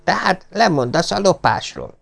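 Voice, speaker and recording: Man voicing an old aristocratic father: stern, commanding, raised and gravelly, storybook reading. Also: high-pitched, very animated, a bit bright, voice pushed up, full character voice. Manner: scolding, commanding.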